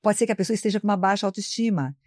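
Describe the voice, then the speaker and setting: This marketing teacher races through her explanation of communication, her mid-range voice carrying a darkish tone. She lectures didactically as a live studio interview guest, calling the host by name, and the dry recording has clean studio sound.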